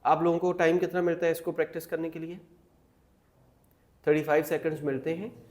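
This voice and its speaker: A man's voice: fairly high pitch, flat delivery, a little mellow. A man, teaching pronunciation in a classroom and drawing out the English words he models for the class. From Pakistan. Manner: slow, drawn-out model readings of English words. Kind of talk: classroom lesson, Urdu mixed with English.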